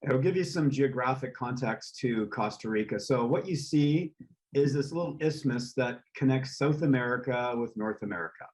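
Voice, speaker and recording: A native English-speaking real estate developer is a guest in a casual interview. His mid-range voice moves at normal speed, and he comes across relaxed and rambling, with frequent ums and uhs.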